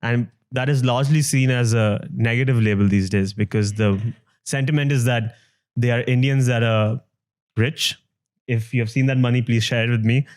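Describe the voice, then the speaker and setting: Here is a man who grew up in the Middle East, chatting in an interview. He talks at a middling pitch, candid and earnest. Now and then he drops in light humor. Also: steady tone, moderate pace, darkish tone. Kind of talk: conversational interview chat.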